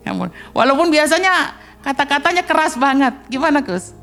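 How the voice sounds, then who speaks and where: A middle-aged woman with an Indonesian accent preaching a sermon in a church, chatty and joking, with quick acted-out asides. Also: high-pitched, expressive, fairly bright tone, faint music behind. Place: church hall.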